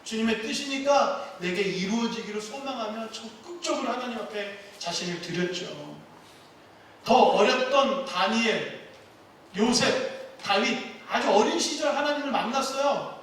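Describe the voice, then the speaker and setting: A man's voice: very high-pitched, moderate pace, a bit bright, distant mic. A man pastor delivering a sermon in a church, asking his congregation questions. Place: church sanctuary. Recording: very echoey hall, picked up from afar, faint noise.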